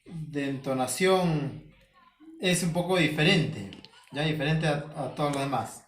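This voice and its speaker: A man teaching a home-schooling language lesson, explaining slowly, repeating key words and asking himself questions as the student would. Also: on the high side, far from the mic, a little hiss or hum. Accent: Peruvian Spanish. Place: home room. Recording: echoey room, voice from off the mic.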